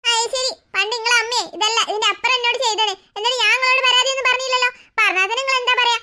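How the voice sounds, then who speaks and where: A performer doing a sharp-tongued mother in a comic family sketch, in a very high, bright voice at a quick pace. She scolds and mocks her husband as she talks. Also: fairly even intonation, heavily acted. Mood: reproachful. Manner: teasing, scolding.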